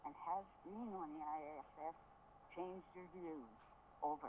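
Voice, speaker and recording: A woman's voice: sits low, measured pace, mellow. An older woman putting prepared questions to a guest over a relayed line. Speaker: audience member asking questions. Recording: faintly noisy relayed line.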